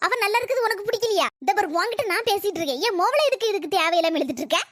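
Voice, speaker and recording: A woman plays a sarcastic, complaining older mother-in-law in a cartoon comedy, her voice pitched very high and rattling along quickly. She scolds and pities herself in the same breath, and the sound is dry and close. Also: animated, fairly bright tone, no room sound. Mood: angry. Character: nagging self-pitying older mother-in-law.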